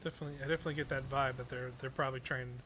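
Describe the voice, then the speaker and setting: A man's voice: mid-range voice, fairly even intonation, racing, noisy background. A young man chatting casually as a game streamer, with a hesitant, rambling, slangy way of talking. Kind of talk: casual chat while gaming.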